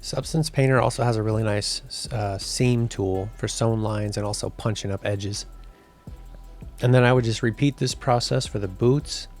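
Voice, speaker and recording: Gravelly-voiced man explaining 3D modeling. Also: on the low side, normal speed, soft background music. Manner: relaxed, explanatory. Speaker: 3D game artist. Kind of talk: tutorial voice-over narration.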